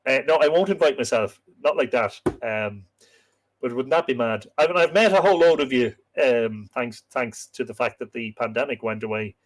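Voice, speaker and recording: Man, Irish accent, lilting storyteller delivery, mid-pitched voice, casual live-stream host, chatty. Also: lively intonation, normal speed, low-quality recording. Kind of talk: casual live-stream chat, reading out and answering viewer comments.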